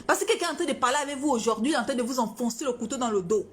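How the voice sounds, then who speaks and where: A high-pitched woman from Gabon speaks straight to her audience in a heated rant. She is defiant and confrontational, hammering her points again and again. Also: expressive, racing. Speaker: singer. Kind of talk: heated social media rant.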